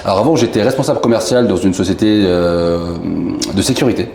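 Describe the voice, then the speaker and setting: A man from Marseille, a company founder telling his story in a relaxed, rambling way with many fillers. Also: fairly low pitch, brisk. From southern France, Marseille. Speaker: company founder, interview guest. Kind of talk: casual interview chat. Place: indoor bar room. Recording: echoey room, faint background noise.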